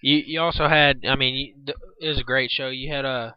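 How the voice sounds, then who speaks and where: A man providing color commentary for a wrestling radio webcast, shouting over big moments and speaking in halting bits during quieter stretches. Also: mid-range voice, steady tone, clear, resonant tone, dull audio. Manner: hesitant, halting chat with fillers.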